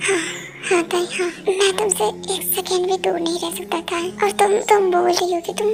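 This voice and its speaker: A woman voicing a young man who keeps pleading and soothing his angry girlfriend in a fan audio drama. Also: very high voice. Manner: pleading, soothing, repeats please. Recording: music playing behind.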